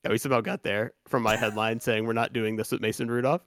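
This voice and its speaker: A man's voice: medium pitch, level tone, fast talker, dry recording, studio quality. A man co-hosting a sports podcast in loose, casual chat, swearing freely and restarting his sentences often. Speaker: podcast co-host.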